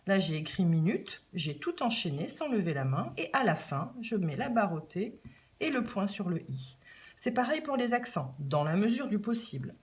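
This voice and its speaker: A woman's voice: mid-range voice, sing-song, moderate pace, darkish tone. A woman with a French accent teaching young children handwriting, patiently repeating and stretching key words. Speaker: primary school teacher. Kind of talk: remote handwriting lesson for children.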